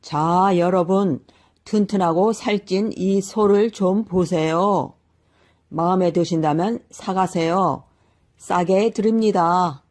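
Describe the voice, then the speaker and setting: A woman voicing a sly old man who makes masks, speaking slowly and knowingly and calling out to buyers at a market. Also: sits low. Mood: hawking. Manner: unhurried, knowing, hawking loudly at market.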